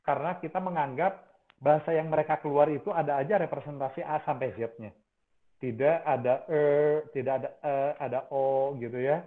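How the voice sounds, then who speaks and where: A man's voice: on the high side, steady tone, a little fast. A male university lecturer, explaining phonology and repeating example words over and over. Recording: tinny phone-like sound.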